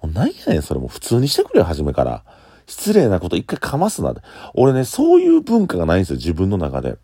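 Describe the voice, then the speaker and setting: A man's voice: low-pitched, huge pitch swings, fast, dark tone, husky, dry recording, studio quality. A man with a Kansai accent, a standing bar owner, talking casually on his own in a blunt, opinionated way. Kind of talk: casual solo talk.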